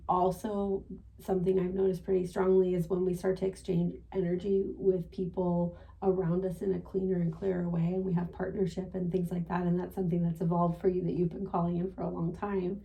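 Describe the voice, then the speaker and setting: Mellow woman with creaky voice, chatting. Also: on the low side, level tone, a little fast, low-quality recording. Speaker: trance channel, group leader. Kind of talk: casual group chat.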